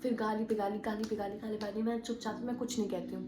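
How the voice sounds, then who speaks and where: Speaking fast in a mid-range voice, a young adult vlogger recounts a story casually, performing the quoted arguments with animation. Background noise is present, and the room echoes.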